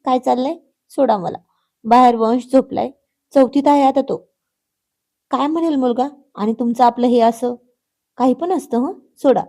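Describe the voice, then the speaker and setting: A woman's voice: sits high, normal speed, long pauses, mellow. Woman voicing a pouting, sulky young wife. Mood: flustered. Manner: pouty, coy. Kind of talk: acted dialogue in a read story.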